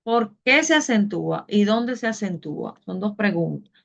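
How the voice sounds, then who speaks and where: A woman's voice: medium pitch, lively intonation, normal speed, creaky, fairly bright tone, dull audio. A woman teaching a class, explaining patiently step by step and asking her students questions. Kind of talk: online Spanish class.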